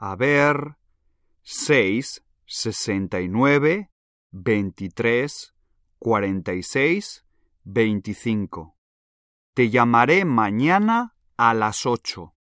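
A man playing a friendly twenty-six-year-old in a scripted language-exam dialogue, speaking slowly and clearly. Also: mid-range voice, animated, fairly bright tone, dry recording, studio quality. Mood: casual. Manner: slow, clearly spaced delivery.

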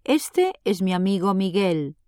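Carmen, a bright, sociable young woman in a language-exam dialogue. She speaks slowly and clearly, and her voice moves with lively expression. It is a dry studio recording. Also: medium pitch, dry recording. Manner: clear, careful delivery, numbers read slowly.

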